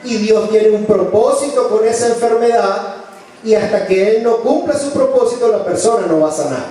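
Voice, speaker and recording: This man's voice sits high and warm, moving at a moderate pace as he delivers a sermon in a church hall. Earnestly sharing personal stories, he alters his voice for quoted speech, and the distant mic captures heavy church echo and faint noise.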